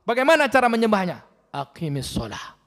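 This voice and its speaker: A man in his 40s from Riau, Indonesia, delivers a mosque sermon, putting questions straight to the congregation. His voice is high and sing-song, fairly quick and a bit bright. The recording carries the long reverb of the mosque hall where he speaks.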